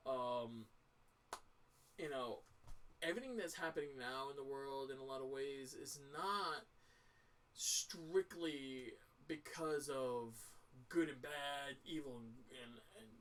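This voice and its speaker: A man's voice: mid-range voice, slow, a bit bright, distant mic. A tired man in his thirties giving casual, rambling gaming commentary, stumbling and restarting often, with a dry throat. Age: 30s. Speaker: gaming let's-player.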